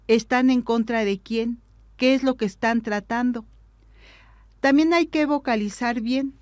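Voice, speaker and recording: A woman gives an instructional talk on liturgical reading, speaking in a measured, didactic way. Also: fairly high pitch, a little mellow, no echo.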